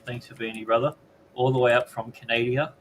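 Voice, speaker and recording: A man's voice: medium pitch, a little fast, slight background noise. Crude, joking Australian man hosting. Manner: crude joking, deadpan asides. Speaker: podcast host. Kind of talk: casual live-stream chat, reading chat messages.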